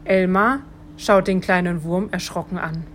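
A woman volunteer reading a children's story aloud, calm and gentle. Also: lowish voice, unhurried, a little hiss or hum.

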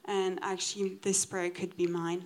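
Flat-voiced woman translating a sermon. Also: lowish voice, moderate pace. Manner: translates phrase by phrase, with fillers and restarts. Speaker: interpreter. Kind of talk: live consecutive translation of a sermon into English.

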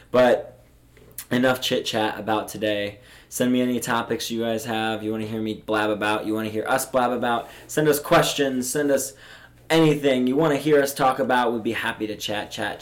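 A man's voice: medium pitch, steady tone, normal speed. A young man hosting a podcast, chatting casually and rambling with easy laughs. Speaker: podcast host. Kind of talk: casual chat.

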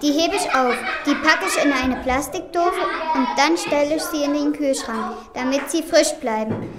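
A woman's voice: high-pitched, moderate pace, heavy background noise. A woman narrating a children's radio play in a cheeky, playful way.

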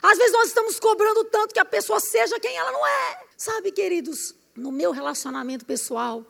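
A Brazilian woman preaching a lively sermon in a church hall, acting out little scenes and rising into shouted emphasis. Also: very high-pitched, a little fast, creaky. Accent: Brazilian Portuguese. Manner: animated, switching voices, rising into shouted emphasis. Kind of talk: lively sermon with acted-out anecdotes. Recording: reverberant hall.

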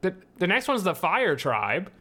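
Man with dry, deadpan humor. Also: high-pitched, unhurried. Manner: wry, deadpan joking. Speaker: podcast guest. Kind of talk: casual chat.

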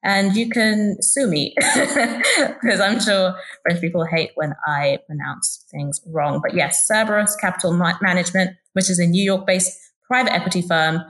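A woman co-hosting a casual podcast discussion, giving a brisk news rundown with light asides. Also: fairly low pitch, fairly bright tone. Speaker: podcast co-host.

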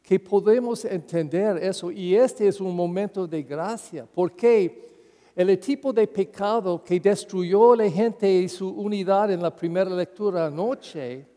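Slow, earnest priest preaching in a church hall. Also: male voice, high-pitched, warm tone. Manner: slow, earnest preaching with acted-out quotes and pauses. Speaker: parish priest. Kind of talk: Spanish-language Sunday homily.

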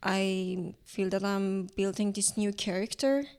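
The speaker is a young adult woman from Iran, an artist guest whose native tongue is Turkish, speaking English with an Iranian accent in a reflective interview. Her mid-range voice is clear, resonant and a little mellow, with a flat delivery, and she pauses thoughtfully, searching for words.

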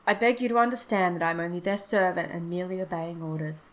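A woman's voice: fairly low pitch, fairly even intonation, fast, close to an everyday voice. A woman voicing an ill-at-ease male messenger from a firm, hesitant and formal, in a storybook reading.

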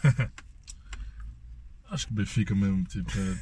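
A man's voice: lowish voice, rapid-fire, warm tone, a little hiss or hum. A man as a podcast guest in casual banter, repeating himself and stalling with fillers.

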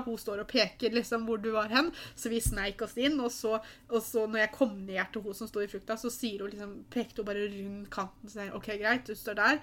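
A young woman casually retelling a surprise with a friend, animated and giggly. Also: mid-range voice. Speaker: friend of the bride. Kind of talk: casual storytelling chat.

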